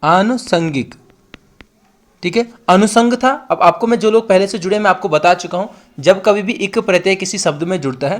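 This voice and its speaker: A young man with an Uttarakhand Hindi accent, teaching an online exam-prep class and explaining with repetition and emphasis. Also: high-pitched. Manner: explanatory, repeats words for emphasis, addresses students directly. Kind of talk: online lesson.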